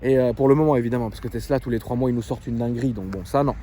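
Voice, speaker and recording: A man's voice: mid-range voice, racing, slight background noise. Chatty man vlogging about his car. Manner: chatty, animated, full of fillers. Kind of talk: casual vlog storytelling and car demo.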